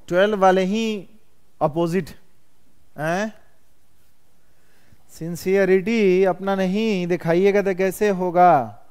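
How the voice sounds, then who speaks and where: High-voiced man teaching math. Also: a little mellow, clean tone. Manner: quizzes students constantly, calls them "बउआ". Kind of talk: classroom lecture.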